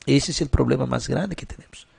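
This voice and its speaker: A man's voice: medium pitch, brisk, vocal fry, a little mellow, husky. A middle-aged male pastor giving question-and-answer sermon advice, asking rhetorical questions and tagging his sentences with short checks. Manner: constant tag questions, rhetorical.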